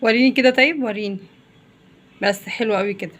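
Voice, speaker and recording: A middle-aged woman speaking with an Egyptian Arabic accent in a very rapid, teasing manner. Her voice sits a little high, and she keeps urging someone to wrap things up in a relaxed family chat. A faint hum of room ambience lies behind her. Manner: teasing, hurrying the other along. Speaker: channel host and mother.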